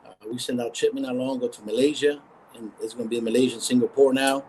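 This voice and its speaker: Company founder, male, mid-pitched, lively storyteller who restarts phrases; video-call sound with faint hiss. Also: quick pace, low-quality recording. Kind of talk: casual storytelling in a live interview.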